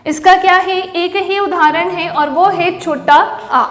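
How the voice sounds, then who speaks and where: A woman teacher with a very high voice gives a classroom-style lesson. She keeps putting questions to her listeners and then answers them herself. Her voice rings around a roomy space with a long reverb. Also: steady tone, unhurried, fairly bright tone. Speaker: Hindi teacher. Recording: echoey room with long reverb.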